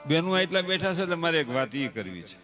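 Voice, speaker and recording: A man's voice: on the high side, big pitch swings, fast, a bit bright, faint music behind. A man telling humorous folk stories to a live audience in a chatty, teasing way. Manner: chatty, teasing and full of homely sayings. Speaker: folk speaker.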